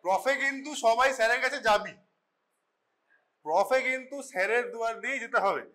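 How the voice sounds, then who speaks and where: In a college classroom, a man with a Bengali accent teaches medical students informally in a chatty, scolding way, often switching into English mid-sentence. His voice is very high, animated and brisk, with a bright, forceful tone.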